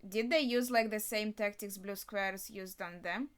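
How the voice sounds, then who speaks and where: A woman's voice: medium pitch, fairly even intonation, measured pace, smooth. A woman hosting a reaction video, giving casual running commentary while she watches an episode and thinking aloud in short questions and asides.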